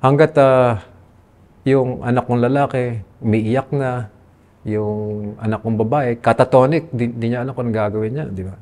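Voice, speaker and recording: A man's voice: medium pitch, steady tone, moderate pace, a little mellow. A man with a Filipino accent telling his own story in an interview, earnest and aggrieved, switching between Tagalog and English mid-sentence. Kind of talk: candid personal testimony.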